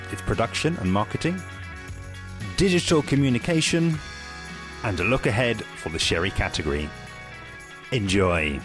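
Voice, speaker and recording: A man hosting a podcast, reading a scripted introduction in a smooth, even delivery. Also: medium pitch. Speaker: podcast host.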